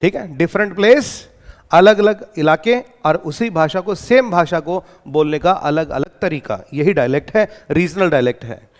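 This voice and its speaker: A man's voice: a little high, normal speed, in a large hall. An Indian man with an Indian accent giving an exam-prep lecture, explaining and then answering his own questions. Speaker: exam-prep English teacher. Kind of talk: lecture in Hindi mixed with English terms.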